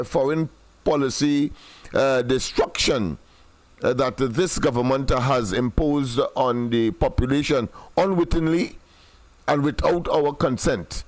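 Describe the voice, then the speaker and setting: A man's voice: mid-range voice, no echo. A man hosting a political talk show, speaking in formal phrases with frequent hesitations and restarts. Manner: hesitant, many fillers and restarts, formal wording.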